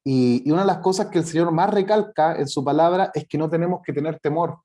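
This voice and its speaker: A male preacher delivers a sermon in a slightly raised, mellow voice. He reads scripture slowly with weight on each phrase, then talks it through in looping repetitions, keeping the congregation with him by asking whether they agree. The tone is warm and unhurried. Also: a little high. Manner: repeats phrases and keeps asking "right?" of the congregation. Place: church service.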